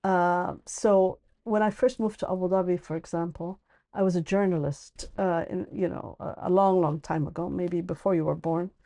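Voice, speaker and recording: A middle-aged woman with a mellow, dark-toned voice talks as a podcast guest. She speaks thoughtfully, pausing and restarting as she gathers her words. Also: lowish voice, fairly even intonation. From born in Ethiopia, raised in the UAE. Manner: thoughtful, hesitant, restarts and fillers. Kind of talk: casual conversational interview.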